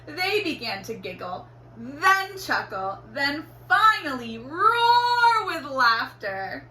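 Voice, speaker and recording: A woman reading a children's storybook aloud in an expressive, deliberate teacherly way. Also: high voice. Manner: animated, deliberate storytelling with acted exclamations. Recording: roomy echo, faint background noise.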